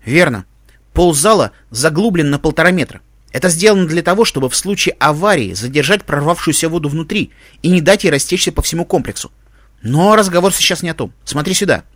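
A man's voice: fairly high pitch, lively intonation, brisk, a bit bright, no room sound, clean studio sound. Man voicing a lecturing know-it-all computer. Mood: explaining. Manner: lecturing, insistent. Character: bossy know-it-all male computer companion.

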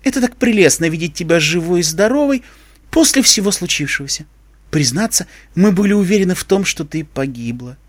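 A man's voice: sits high, expressive, fairly quick, no room sound. Man doing a mincing, affected unicorn queen. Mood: gushing. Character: vain glamorous female unicorn queen, affected.

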